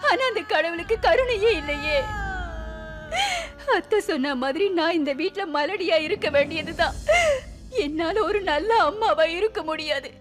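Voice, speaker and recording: A woman's voice: extremely high pitch, expressive, fairly quick. An actress playing a grief-stricken young wife, crying as she talks, in a TV serial drama. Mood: tearful.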